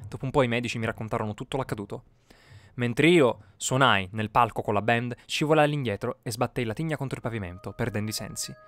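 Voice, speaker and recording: A man's voice: medium pitch, fast, no echo, clean studio sound. A man narrating a first-person horror story with tense, dramatic delivery. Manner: tense storytelling, bursts of shouting in quoted lines. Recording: music bed behind the voice. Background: music.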